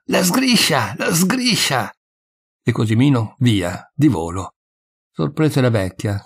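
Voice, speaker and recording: A man narrating a short story as an audiobook in a measured storytelling way, with a husky voice. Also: lowish voice, a little mellow.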